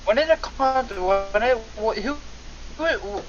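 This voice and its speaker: A man's voice: very high voice, lively intonation, slow, faint music behind. A young man co-hosting a podcast, asking playful questions and teasing the host. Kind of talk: casual chat. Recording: dull, hissy sound.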